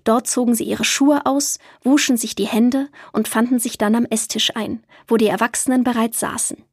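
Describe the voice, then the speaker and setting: A woman reading a children's story aloud in a lively storytelling manner. Her voice is fairly high and a little breathy, and the recording is dry and close. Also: moderate pace, dry recording. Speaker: narrator.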